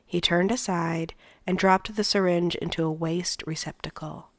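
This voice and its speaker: A woman reading a novel aloud in a soft voice that often drops near a whisper. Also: on the low side, steady tone, moderate pace, no room sound. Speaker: read-aloud narrator.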